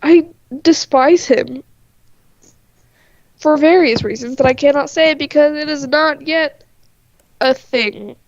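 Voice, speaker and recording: A woman's voice: high voice, a little slow, no echo. Congested, nasal-sounding woman chatting. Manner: chatty, laughs often, says "like" and "literally". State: stuffy-nosed, congested. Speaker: artist on a livestream. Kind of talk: casual chat. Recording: dry, dull lo-fi stream audio.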